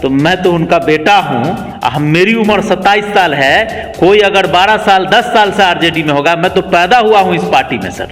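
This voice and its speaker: In a political interview, a local party worker in his twenties speaks emphatically in the cadence of a rallying speech. His voice is high-pitched and fairly bright, with lively intonation, a normal pace, and few pauses. Faint music plays behind him, and the recording has long reverb.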